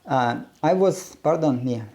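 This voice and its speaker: Presenting a research project he runs himself, this gravelly-voiced man from Ukraine speaks at a medium pitch with a slightly mellow quality. He talks off the cuff in a casual monologue, stopping and restarting often, using lots of filler sounds and offering blunt opinions.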